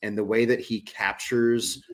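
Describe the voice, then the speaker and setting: A man's voice: fairly low pitch, level tone, unhurried. A man in his forties, a guest on a casual podcast chat, talking with eager, promotional enthusiasm. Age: 40s.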